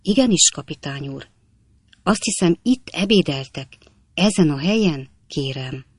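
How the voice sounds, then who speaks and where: A woman's voice: deep voice, animated, breathy edge, no echo. A woman reading aloud and voicing a timid, deferential male gardener who apologizes to his master. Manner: meek, apologetic, very polite.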